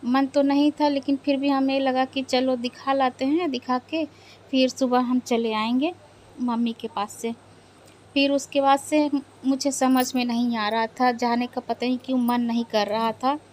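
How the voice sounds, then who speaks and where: A young woman vlogger, quietly and sadly recounting a family loss with hesitant pauses. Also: sits high, little pitch movement. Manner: sad, subdued, hesitant retelling of a family loss. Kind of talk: personal vlog storytelling.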